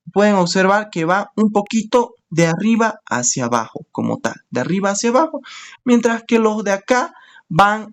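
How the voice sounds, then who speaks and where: Man teaching anatomy, repeating key terms. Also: high-pitched. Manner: explains step by step, often checks in with "¿ok?". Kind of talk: screen-share anatomy lesson.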